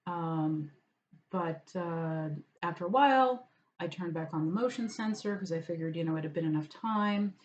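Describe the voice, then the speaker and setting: A woman's voice: lowish voice, moderate pace. Chatty woman with a muffled, lo-fi sound. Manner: chatty, meandering, talks to her cat aside. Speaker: vlogger. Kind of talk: casual chat over lunch. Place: at home.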